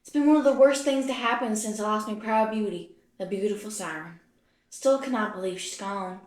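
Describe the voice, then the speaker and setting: A woman's voice: mid-range voice, brisk, darkish tone, lightly acted. A woman voicing a forgetful, blustery pirate ghost with a peg leg in a puppet stage play. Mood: blustery, grumbling. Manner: blustery pirate talk, muddled. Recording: roomy echo.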